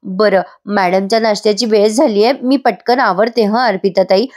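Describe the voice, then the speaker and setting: A woman reading the lines of a gentle, ashamed young woman who speaks politely and pleadingly. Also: medium pitch, steady tone, moderate pace, natural voice.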